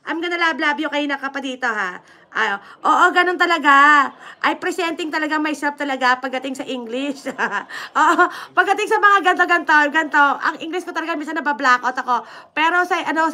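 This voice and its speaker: Woman, Filipino accent, livestream host, chatty, code-switching, high pitch. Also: sharp tone. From Philippines. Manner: chatty, mixes Tagalog and English, laughs often. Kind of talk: casual livestream chat, greeting viewers.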